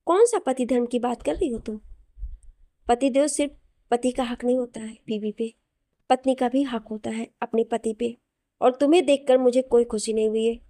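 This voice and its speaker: A woman's voice: sits high, mellow, dry recording, clean studio sound, close to an everyday voice. A woman voicing a young wife who is hurt and reproachful toward her husband. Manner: cold, reproachful.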